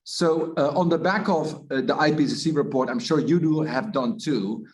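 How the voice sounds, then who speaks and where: A man, the head of an organization, giving keynote remarks over a video call, halting with many uh fillers. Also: a little high. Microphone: video call microphone.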